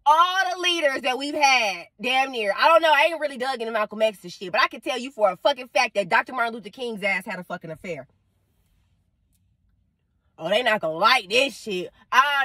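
A woman's voice: high-pitched, sharp tone, dry recording. Fired-up woman ranting, dry close sound. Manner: emphatic, profane, fired-up. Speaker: vlogger. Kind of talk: unscripted monologue rant.

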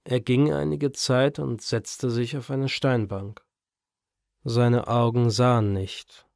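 A man reading a horror story as narrator in a measured, even storytelling manner. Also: medium pitch, vocal fry, dry recording, studio quality.

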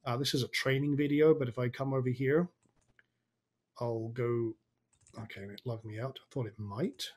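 Casual man with a slightly raspy voice. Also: mid-range voice, fairly even intonation, normal speed, darkish tone. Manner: informal, thinking aloud. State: tired. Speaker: online marketing coach. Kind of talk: casual screen-share tutorial.

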